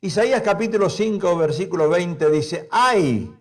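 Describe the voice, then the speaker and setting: Male pastor, sermon, animated, repeats phrases, calls for responses, lively pitch. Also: a little slow. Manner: animated preaching, prompting the congregation to respond; emphatic, repeats key phrases.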